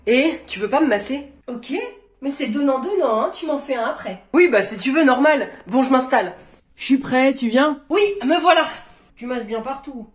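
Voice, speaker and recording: A woman's voice: high voice, expressive, normal speed, reverberant. A woman acting out short comedy skits with playful banter, playing every part herself. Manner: playful, bantering, switches between characters. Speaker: comedy sketch creator.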